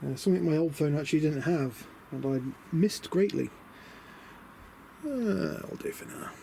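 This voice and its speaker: Outdoors by a van beside a house, a DIY vlogger shows a camper van conversion. The British man has a fairly high, gravelly voice with a dark tone, speaks at normal speed, and rambles in a low-key, chatty way with muttered asides to himself. The camera audio is windy and noisy, with wind in the background.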